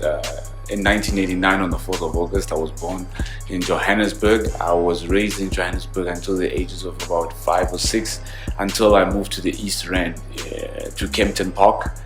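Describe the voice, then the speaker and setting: A man from South Africa in his thirties answers interview questions in loose, rambling speech, full of fillers and restarts. His voice sits fairly low. The room rings with echo, and faint music plays underneath. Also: steady tone, moderate pace. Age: 30s. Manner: talkative, many fillers and restarts. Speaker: interview guest, forex trader and author. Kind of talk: casual interview.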